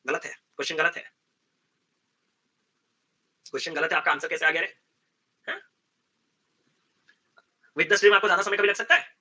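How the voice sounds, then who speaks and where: A man teaching math in a lively exam-prep class, acting out exchanges with students and mixing English terms into Hindi. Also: a little high, normal speed, pauses often. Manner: animated, acts out student dialogues, mixes English terms into Hindi. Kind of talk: live online exam-prep lesson.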